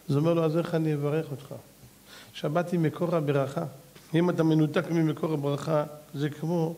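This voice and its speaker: A male rabbi lectures with fervor, his voice sitting high for a man. He drops into low, earnest tones, then climbs to ringing, shouted exclamations as he tells stories and pleads with his audience. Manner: addresses the audience directly as "gentlemen" and "brother". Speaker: rabbi giving a public lecture. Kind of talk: animated Torah lecture with storytelling.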